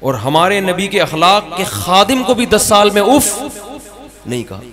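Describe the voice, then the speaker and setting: A man's voice: sits high, very animated, a little slow. A man preaching a sermon at a conference. He talks in a conversational way and acts out small dialogues and stories. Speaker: Islamic preacher. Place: conference gathering with a crowd.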